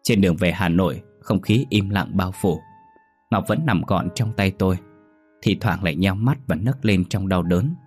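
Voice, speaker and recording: Low, husky man narrating a ghost story. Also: normal speed, darkish tone, faint music behind.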